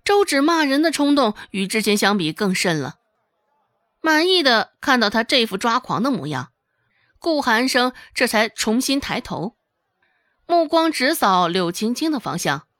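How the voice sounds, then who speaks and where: A woman narrating a serialized novel in an expressive storytelling manner. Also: on the high side, a little slow, no room sound, studio quality. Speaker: audiobook narrator.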